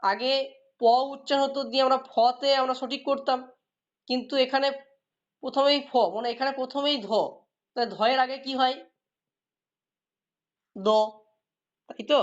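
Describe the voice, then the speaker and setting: A woman's voice: high voice, fairly even intonation, moderate pace, long pauses. Woman teacher, questioning students. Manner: explains patiently, asks students questions and praises answers. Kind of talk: classroom lesson. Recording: dull lo-fi recording.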